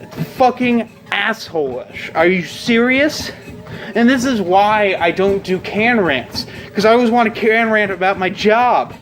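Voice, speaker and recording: A man's voice: high-pitched, unhurried, hardly any pauses, fairly bright tone, faint music behind. A man talking in a casual rant vlog, venting with frustration and frequent swearing. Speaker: vlogger.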